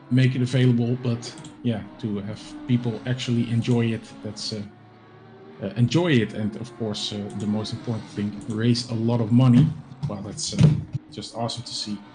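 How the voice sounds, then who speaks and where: A very tired man hosting a charity sim racing stream, talking softly and rambling with lots of hesitant fillers. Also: mid-range voice. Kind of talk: casual live-stream chat. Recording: noisy with background hum.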